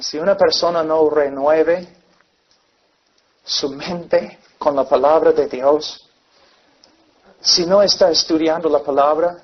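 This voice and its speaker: A man preaches earnestly, with his voice sitting a little high. He drives his points home by acting out scenes. The sound is dull and lo-fi. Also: slightly rough. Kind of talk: sermon. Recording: dull lo-fi recording.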